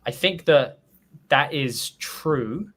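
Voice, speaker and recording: A man co-hosting a casual panel review of writing, relaxed and hedging, with frequent fillers and restarts. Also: mid-range voice, extremely slow. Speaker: co-host reviewing copywriting.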